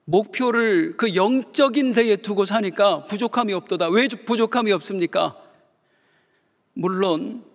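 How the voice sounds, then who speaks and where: High, gravelly-voiced pastor preaching in a hall. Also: male voice. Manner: fervent rising rhetorical questions. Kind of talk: sermon with storytelling. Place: church sanctuary.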